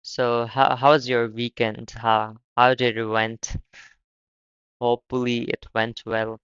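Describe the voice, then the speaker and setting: A young man from Pakistan hosting a casual live stream, talking haltingly and often repeating his words. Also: medium pitch, little pitch movement, fairly bright tone, smooth, no room sound, highs cut off. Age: young adult. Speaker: livestream host.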